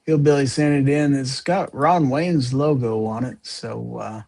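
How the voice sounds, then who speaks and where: A man's voice: mid-range voice, fairly even intonation, creaky, crowd noise. A man hosting a live podcast panel, chatting casually while showing viewer clips. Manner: quick, chatty, sharing screen clips. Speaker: podcast host.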